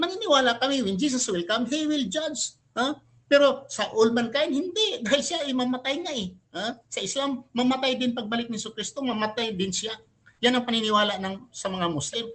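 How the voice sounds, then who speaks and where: A man's voice: very high-pitched, a bit bright. A man arguing his side in a religious debate. He speaks emphatically, switches between two languages and keeps throwing in rhetorical questions. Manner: switches between Tagalog and English mid-sentence. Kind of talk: live religious debate argument.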